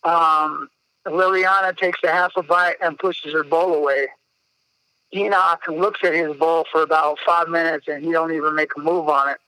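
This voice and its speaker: Bright, clear-voiced man telling a story. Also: a little high, steady tone, normal speed, dry recording, low-quality recording. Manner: storytelling, casual and profane. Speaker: podcast host. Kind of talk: casual podcast chat.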